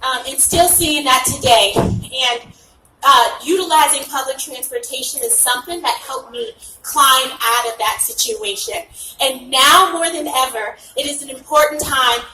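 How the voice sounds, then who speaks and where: A woman's voice: high-pitched, a little slow, sharp tone. A woman running for office gives an earnest speech at a rally, out of breath and often saying "um". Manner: earnest, frequent "um" fillers. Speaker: candidate speaking at a rally. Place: outdoor rally stage. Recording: echoey, distant, noisy outdoor recording.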